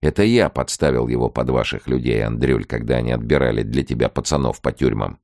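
A man's voice: very deep voice, brisk, creaky, darkish tone, dry recording, studio quality. A man voicing a blunt, one-armed male police chief in an audiobook, speaking earnestly.

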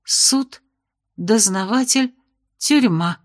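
A woman's voice: mid-range voice, very slow. Woman voicing an anxious young student. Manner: anxious, grumbling. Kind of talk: audiobook character reading.

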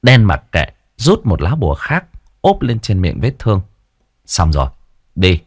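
A man's voice: on the low side, huge pitch swings, normal speed, husky. A man narrating a ghost story with dramatic flair.

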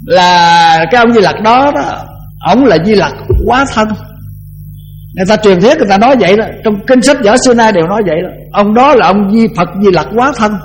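Older monk giving a chatty dharma talk. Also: male voice, sits high, slight background noise, rough recording. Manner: conversational, repetitive, chanting verses slowly. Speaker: Buddhist monk teacher.

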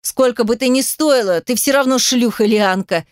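A woman's voice: medium pitch, moderate pace, dry recording, clean studio sound, close to an everyday voice. A woman voicing a young man who speaks with irritation and a sneer. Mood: contemptuous. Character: young man, the ex-fiancé, cold and contemptuous.

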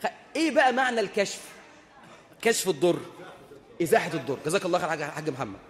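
A man's voice: high voice, big pitch swings, racing, fairly bright tone, long reverb tail, a faint crowd. A man with an Egyptian Arabic accent preaching a sermon, telling a story with humor and asking the audience rhetorical questions.

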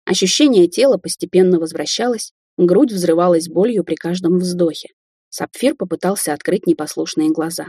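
A woman narrating an audiobook in a measured, expressive way, recorded close and dry. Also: on the low side, breathy edge, dry recording. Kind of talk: scripted narration.

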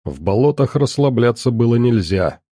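A man giving steady scripted audiobook narration of an action story. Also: mid-range voice, normal speed, slightly rough, no room sound, studio quality.

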